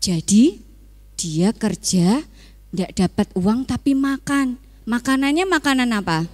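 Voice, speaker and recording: A woman's voice: on the high side, slow. A woman telling a Bible story to Sunday school children and quizzing them. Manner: animated, asks children questions.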